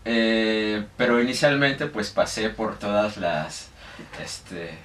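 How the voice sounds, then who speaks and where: Speaking slowly but animatedly, a young Mexican man with a Mexican accent appears as an interview guest, his lowish voice a bit bright. The casual talk is riddled with hesitations, fillers and restarts. An echoey room, distant mic and faint noise color the audio.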